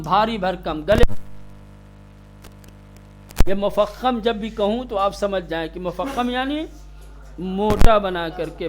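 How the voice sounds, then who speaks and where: A man teaching Quran letter pronunciation to a class, stretching out sounds to demonstrate them and sternly scolding students who drift off. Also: high voice.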